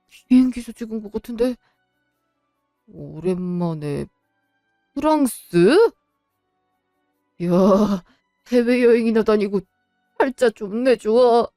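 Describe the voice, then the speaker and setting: A woman voicing a bitter, hot-tempered divorced adult son who shouts resentfully. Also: a little high, no room sound, studio quality. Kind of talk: Korean web drama voice acting.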